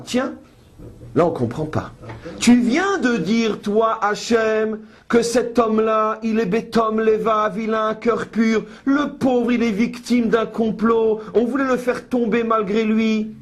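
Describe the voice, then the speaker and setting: A woman with a husky, breathy voice leads a Torah study lesson. She reads each Hebrew verse and then explains it. Her commentary is pointed and ironic. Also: on the high side, unhurried. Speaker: Bible teacher.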